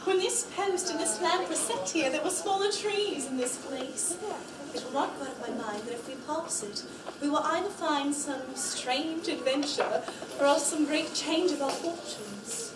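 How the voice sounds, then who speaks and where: An actress playing an eager, hopeful young girl in a live children's stage play, speaking in a gushing, bright-eyed way. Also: sits high, expressive, moderate pace. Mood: wondering. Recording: echoey room from far off, noise.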